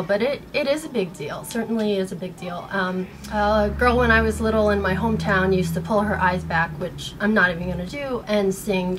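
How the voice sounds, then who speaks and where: An American woman in her thirties records a personal vlog in a small bedroom at home, partly reading aloud in an earnest, halting way while upset and shaken. Her mid-range voice has a fairly bright tone, and the low-quality recording picks up noticeable room noise.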